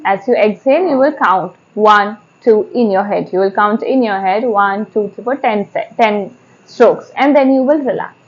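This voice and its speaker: A woman's voice: mid-range voice, normal speed, lo-fi sound, a little hiss or hum. A woman with an Indian accent giving spoken yoga instruction step by step, repeating and rephrasing key points as she goes.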